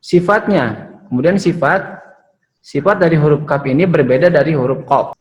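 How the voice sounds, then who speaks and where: A man's voice: fairly high pitch, normal speed, dull audio. A male Quran recitation teacher explaining letter pronunciation patiently, demonstrating sounds and tagging phrases with "ya". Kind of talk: online Quran pronunciation lesson.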